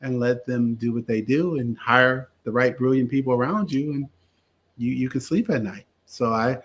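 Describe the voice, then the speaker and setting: Male guest from Connecticut, chatty and animated anecdote teller, mid-range voice. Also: mid-range voice, moderate pace. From Connecticut, USA. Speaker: guest, attorney and theater producer. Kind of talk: casual storytelling interview.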